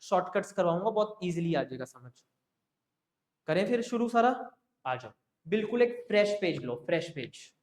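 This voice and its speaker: A man's voice: sits high, sing-song, moderate pace, darkish tone. Coaxing male accounting teacher, roomy echo. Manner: coaxing, keeps checking in with students. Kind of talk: classroom lecture.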